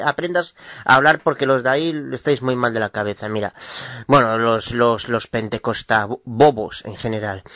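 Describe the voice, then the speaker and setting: A man talks back at religious opponents, mocking and insulting them, tripping over a word now and then. His voice is of middle pitch and sounds dry and close to the mic. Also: fairly bright tone, dry recording. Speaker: host of a religious debate channel. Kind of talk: mocking commentary on video clips.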